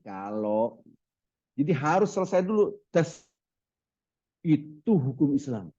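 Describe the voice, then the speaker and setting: Male preacher, lively Ramadan sermon, fairly high voice, dull dry recording. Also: dry recording. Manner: lively, acts out market haggling in quoted voices; chants Arabic hadith phrases slowly.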